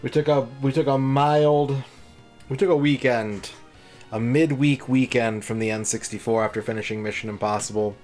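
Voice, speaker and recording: A man's voice: medium pitch, fairly even intonation, normal speed, a little mellow, faint music behind. A man streaming on a headset mic, chatting casually and greeting and thanking viewers one by one. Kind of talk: casual livestream chat.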